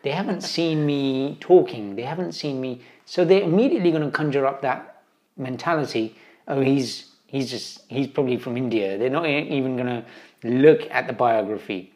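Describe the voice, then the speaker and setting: A man's voice: medium pitch, moderate pace, darkish tone. A man with a British English accent, an interview guest talking earnestly and wandering off into side points. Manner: earnest, digressive. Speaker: interview guest, travel writer. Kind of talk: conversational interview answers.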